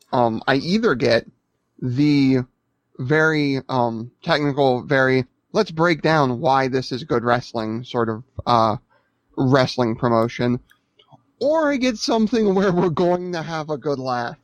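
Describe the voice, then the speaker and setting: A man's voice: medium pitch, expressive, unhurried, no echo. Wry man on a dry close mic. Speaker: podcast panelist. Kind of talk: casual chat.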